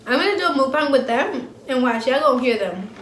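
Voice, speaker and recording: A young woman vlogger with a high, animated, slightly bright voice chats fairly quickly while eating in a casual mukbang. She's blunt and slangy and laughs easily. The home recording sounds roomy, with faint ambience and a little hiss or hum.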